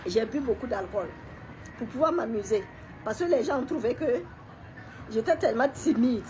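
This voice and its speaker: Woman, high voice, middle-aged, emotional testimony, halting and repetitive, faint background hum. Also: lively intonation, darkish tone, muffled recording. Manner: halting, repeats words, pauses and clears throat. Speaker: woman sharing a personal story. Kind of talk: emotional personal testimony to camera.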